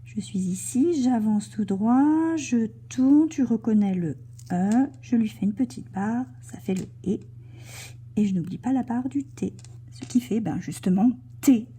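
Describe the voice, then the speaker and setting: A woman teaching young children to write in cursive, slowly and gently describing each stroke as she writes and now and then dropping to a soft whisper. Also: a little high, animated, slightly rough. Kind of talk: handwriting lesson for children.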